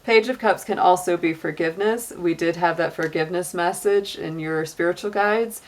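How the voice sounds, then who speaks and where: A woman's voice: fairly low pitch, moderate pace. A middle-aged woman giving a casual tarot reading, chatty, with frequent laughs and many "you know" and "like" fillers. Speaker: tarot reader.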